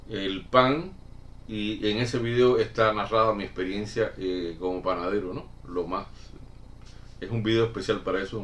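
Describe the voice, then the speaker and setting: A middle-aged man from Cuba chatting casually as a channel host, answering viewer questions with many pauses, fillers and restarts. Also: fairly low pitch. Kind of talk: casual chat. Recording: somewhat distant mic with faint room noise.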